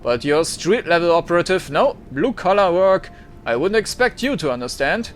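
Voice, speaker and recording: A man's voice: high-pitched, sing-song, moderate pace, faint music behind. A man voicing a suave, decadent male socialite in a game, with a drawling, theatrical manner. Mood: haughty.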